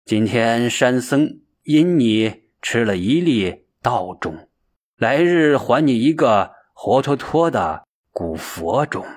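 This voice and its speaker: A playful old Chan master who drawls his riddles in a low, husky voice, as a male storyteller puts him on. He is cryptic and good-humoured, unhurried in every phrase, like a storybook elder. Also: expressive, full character voice. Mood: solemn. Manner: slow, low, teasing.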